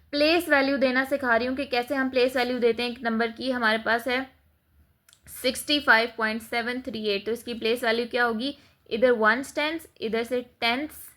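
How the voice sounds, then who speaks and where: A woman's voice: on the high side, fairly bright tone. A woman with a Pakistani accent teaching a math lesson, explaining patiently as she writes. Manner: mixes Urdu-Hindi with English terms, patient and repetitive. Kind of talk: explaining a math lesson while writing on a board.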